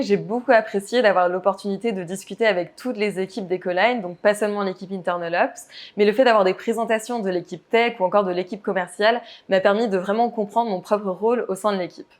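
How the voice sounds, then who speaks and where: Woman, 20s, from the US, in-house lawyer; earnest, explanatory delivery for a company profile. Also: medium pitch. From United States.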